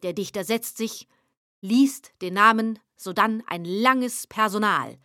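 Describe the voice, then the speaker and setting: A woman giving a measured, rhythmic poetry recitation. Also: medium pitch, pushed and bright, dry recording, studio quality. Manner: measured, rhythmic verse reading.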